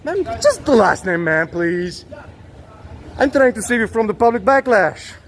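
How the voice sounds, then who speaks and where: A high-pitched, fairly bright male voice, very animated yet at a measured pace, comes through with a little hiss or hum. He's a citizen auditor and non-native English speaker filming police outdoors on a city street, persistently repeating polite but insistent demands in a confrontational recording.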